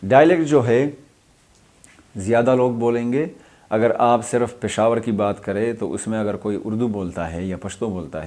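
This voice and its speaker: Young lecturer guy from pakistan, deep-ish warm voice, explains slowly, drops english terms in. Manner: explanatory, mixes in English terms, repeats points. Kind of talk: explaining a language lesson.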